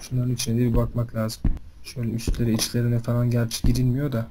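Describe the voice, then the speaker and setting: A young man giving casual commentary on a horror game, chatting to his viewers and panicking loudly when scared. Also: mid-range voice, monotone, fast, noisy background. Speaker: gaming video host.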